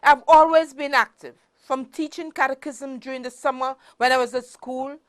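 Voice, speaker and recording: A woman with a high voice delivers a prepared motivational speech. She speaks in formal, emphatic phrases, deliberately placed. Her R's are not fully formed and sound close to W's. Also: fairly even intonation. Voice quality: cannot pronounce R's properly, says w-like sound for r.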